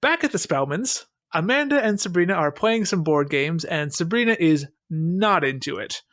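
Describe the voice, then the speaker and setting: Wry high-voiced man hosting a podcast. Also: lively intonation, normal speed, a bit bright, no room sound, clean studio sound. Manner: wry, sarcastic. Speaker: podcast host. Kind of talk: casual chat and episode recap.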